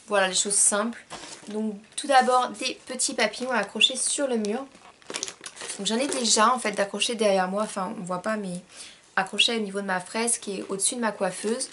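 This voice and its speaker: A woman's voice: medium pitch, fairly even intonation, normal speed, fairly bright tone, a little hiss or hum. A young woman presenting a shopping haul vlog, gushing and bubbly, with many fillers. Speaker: vlogger.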